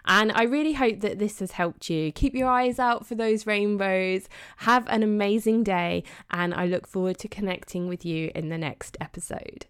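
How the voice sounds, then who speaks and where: A woman's voice: mid-range voice, moderate pace, fairly bright tone, clean tone. A middle-aged woman hosting a devotional podcast, speaking in a heartfelt, chatty way with many fillers. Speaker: podcast host.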